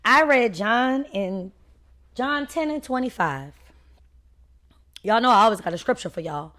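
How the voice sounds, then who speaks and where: A woman's voice: on the high side, expressive, unhurried, fairly bright tone. A woman hosting a faith podcast, talking unscripted and emphatically, and addressing listeners directly as y'all in a preachy tone. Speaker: podcast host.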